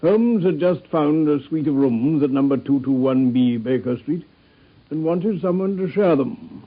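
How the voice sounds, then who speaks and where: An actor playing a friendly, curious army doctor in a radio play, genial and amiable, on a dull lo-fi broadcast recording. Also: male voice, on the high side. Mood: recollecting. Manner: genial, amiable, quick to laugh. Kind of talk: 1950s-style BBC radio drama acting.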